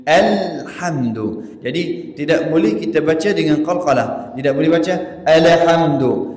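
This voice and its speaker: A man's voice: on the high side, darkish tone. Guy teaching quran reading, explains patiently then chants the verses, roomy echo all over. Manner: slow, patient explaining that breaks into melodic chanting. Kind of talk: recitation lesson with chanted examples. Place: large hall at a religious gathering. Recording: echoey hall with long reverb.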